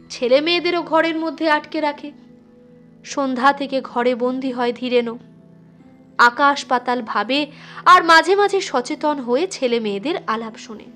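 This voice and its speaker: Backed by music, a high-voiced woman with a bright tone narrates a literary tale. Her delivery is that of a scripted audiobook storyteller.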